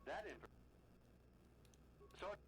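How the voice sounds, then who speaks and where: A man voicing a broken ancient computer that glitches, stutters and cuts its words off in a flat, formal way, heard through noisy game audio. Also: drawn-out words. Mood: glitching. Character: broken ancient computer, male, cold and logical.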